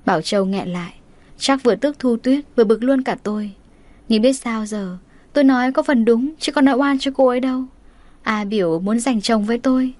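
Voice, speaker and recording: A woman's voice: on the high side, fairly quick, darkish tone, dry recording. A woman reading a first-person story, wry and chatty in tone. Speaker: story narrator.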